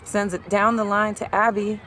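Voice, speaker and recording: An amateur sideline commentator, a woman with a mid-range voice, gives rapid play-by-play of a youth soccer game outdoors, her voice rising excitedly at key plays. She is hoarse and losing her voice, with outdoor crowd and traffic noise around her.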